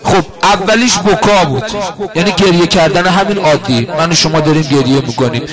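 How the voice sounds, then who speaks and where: A man preaching a mourning sermon to a gathering, explaining calmly and then rising into impassioned, wailing cries. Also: fairly high pitch. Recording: crowd audible behind.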